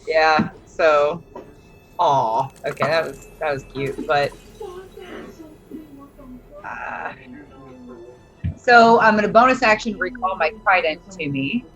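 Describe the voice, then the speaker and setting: A woman's voice: low voice, slow, pauses often, fairly bright tone, soft background music, poor audio. A woman playing a tabletop game, talking casually through her turn.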